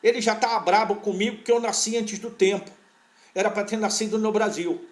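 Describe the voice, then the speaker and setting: With a fairly high voice and fairly even intonation, an older man reminisces in relaxed conversation as an interview guest. Born in Portugal and raised in Brazil, the veterinary parasitology professor rambles unhurriedly and restarts his sentences often.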